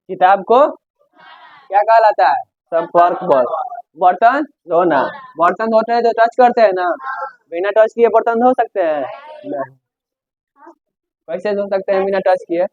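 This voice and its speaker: A man's voice: high-pitched, no room sound. A male teacher giving a physics lesson, asking questions and answering them himself. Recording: tinny narrow-band dry sound.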